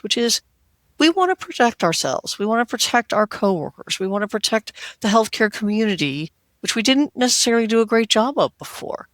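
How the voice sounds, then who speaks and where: A woman's voice: medium pitch, dry recording. A woman hosting a health podcast, speaking as a healthcare worker in an earnest, conversational way, stacking repeated phrases. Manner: earnest, repetitive "we want to" phrasing, acts out quotes. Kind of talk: conversational interview.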